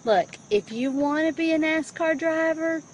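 A woman's voice: sits high, a little slow. A woman chatting casually in a coaxing, amused way, as someone soothing a teenager. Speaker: caregiver filming and soothing a teenager. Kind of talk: casual chat. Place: outdoors, then inside a car. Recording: faint noise, handheld phone recording.

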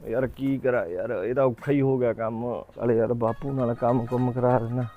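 A man's voice: mid-range voice, level tone, moderate pace, phone-quality sound, a little hiss or hum, close to an everyday voice. A young man playing a nervous village youth who stammers and pleads in a panic. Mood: fretting.

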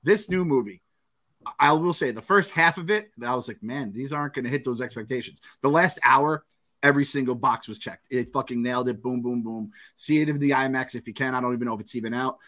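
A middle-aged man co-hosting a podcast from home over a video call, telling animated, profane stories in casual chat. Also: mid-range voice. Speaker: podcast co-host. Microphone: over-ear headphones, video call.

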